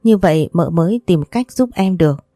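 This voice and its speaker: A woman's voice: fairly low pitch, lively intonation, moderate pace, dry recording, studio quality. A woman voicing a kind young mistress of a wealthy house, soothing and coaxing as she speaks. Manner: gentle, soothing, persuasive.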